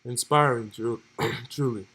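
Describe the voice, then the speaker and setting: Husky laid-back young male streamer. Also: medium pitch, steady tone, slow pace, a bit bright, low-quality recording. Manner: laid-back, joking, reads chat and role-play text aloud. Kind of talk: casual live-stream commentary.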